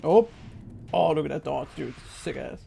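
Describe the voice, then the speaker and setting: A man's voice: a little high, normal speed, creaky, noisy background. A man giving casual, playful and slangy live commentary while he streams a video game.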